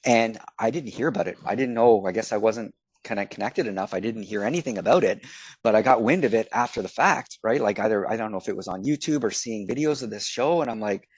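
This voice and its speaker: A man's voice: on the low side, fast talker, breathy edge, no room sound. A middle-aged man from Canada, a podcast guest telling stories in a chatty way and acting out his own past remarks. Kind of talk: casual storytelling.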